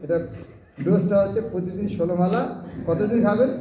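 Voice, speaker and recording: A man leading a devotional scripture class, questioning his listeners and answering himself, chanting verses slowly. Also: sits high. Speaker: Gita class teacher. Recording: echoey hall, far from the mic, crowd noise.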